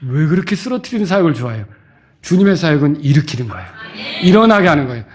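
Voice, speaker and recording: A middle-aged man preaching a sermon as pastor, acting out quoted voices and shouting at the high points. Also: big pitch swings, fast talker, soft background music.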